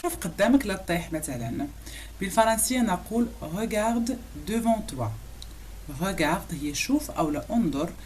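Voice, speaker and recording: A woman with a Moroccan accent teaching French phrases, saying each one slowly and repeating it before a quick explanation. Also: medium pitch, very animated, a little mellow, a little hiss or hum. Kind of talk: language lesson explaining phrases.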